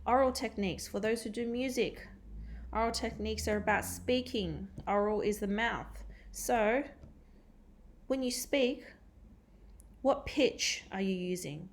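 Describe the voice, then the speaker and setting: A woman teacher talks through a recorded catch-up lesson at an ordinary middle pitch. She explains step by step, stopping often on ums and uhs. A faint hiss sits under her voice. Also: unhurried. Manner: explains step by step with many fillers.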